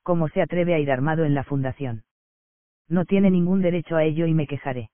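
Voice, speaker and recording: Un hombre que interpreta a un preso indignado que increpa a sus guardianes, leído en un audiolibro de teatro. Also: male voice, a little high, brisk, no room sound, lightly acted. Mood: indignant. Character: indignant male prisoner defying his guards. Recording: dry, tinny phone-like sound.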